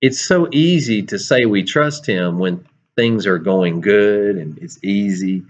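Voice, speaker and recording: A man's voice: fairly low pitch, slow pace. Storytelling preacher man, muffled audio. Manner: storytelling, animated, with self-deprecating asides. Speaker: preacher and show host. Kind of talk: casual sermon-style chat.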